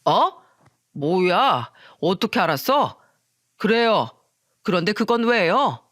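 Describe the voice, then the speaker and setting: A woman's voice: mid-range voice, expressive, normal speed, a bit bright, no echo, studio quality, natural voice. A woman voicing a rude, drunk man who mocks his friend's wife and then gets flustered. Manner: slurred, mocking, laughing drunk.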